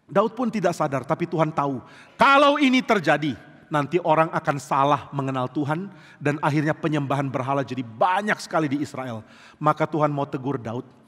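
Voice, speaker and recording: Male pastor preaching, high-ish voice, animated storytelling, big echoey church hall. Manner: animated storytelling, mimics music with sung syllables. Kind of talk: sermon. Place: church sanctuary. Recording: long reverb of a large church hall.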